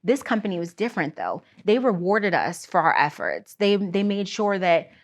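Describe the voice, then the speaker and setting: A woman guesting on a podcast, talking through her work history in a thoughtful, steady way. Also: medium pitch, moderate pace. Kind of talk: casual interview talk.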